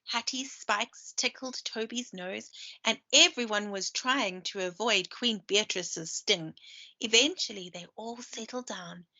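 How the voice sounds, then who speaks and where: Story time comes from a woman who teaches primary school, speaking unhurriedly in a medium-pitched, sharp-toned voice as she reads aloud and talks through the pictures. The audio is a dull lo-fi screen-share recording from her computer microphone.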